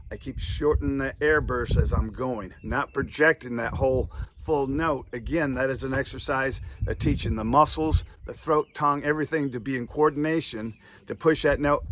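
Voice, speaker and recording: A man's voice: medium pitch, a bit bright, a little hiss or hum. Male instructor coaching step by step. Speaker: duck-calling instructor and host. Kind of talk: instructional demonstration, step-by-step explanation.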